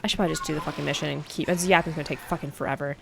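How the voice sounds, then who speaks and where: A woman's voice: deep voice, steady tone, racing, creaky, background noise. A young woman casually chatting while playing a video game, rambling and swearing freely. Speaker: let's play streamer. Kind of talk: casual gameplay chat.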